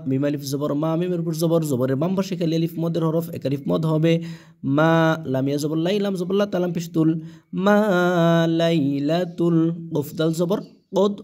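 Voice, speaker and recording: A male Quran reading teacher with a Bangladeshi Bengali accent, spelling out each letter and vowel mark and then reciting the words slowly, often asking and answering his own questions. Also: fairly high pitch, dark tone.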